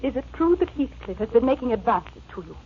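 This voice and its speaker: A headstrong young gentlewoman in an old radio drama. Her voice is high and swings widely, imperious and theatrical, on a muffled vintage recording. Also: sing-song, fairly quick, a little hiss or hum. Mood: jealous, intense. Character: headstrong, jealous, tempestuous young married gentlewoman.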